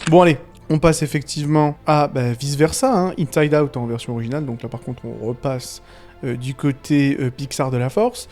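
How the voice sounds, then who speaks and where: A man giving casual, rambling video commentary on animated films, full of fillers, restarts, slang and chuckles. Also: mid-range voice, moderate pace, faint music behind. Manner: slangy and irreverent. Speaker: YouTube film commentator.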